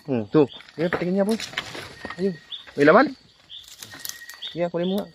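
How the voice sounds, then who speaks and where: Excited man calling out finds outdoors at night. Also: high voice, normal speed, a little hiss or hum. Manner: excited, calls out finds and directs a companion. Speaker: vlogger hunting at night. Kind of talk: casual outdoor vlog narration. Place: outdoors at night among trees.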